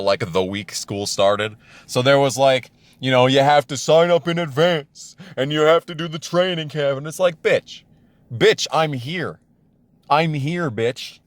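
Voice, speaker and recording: A man in his twenties, a storyteller on a gaming channel, tells a personal story casually and comedically. He rants in a profane, exasperated way and repeats things for emphasis. His voice is mid-range with no echo.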